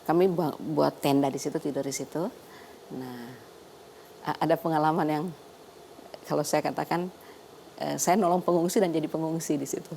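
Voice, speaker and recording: An older woman doctor, a guest on a talk show, telling her story in a lively way and laughing often. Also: low voice, moderate pace, gravelly, pauses often, slight background noise.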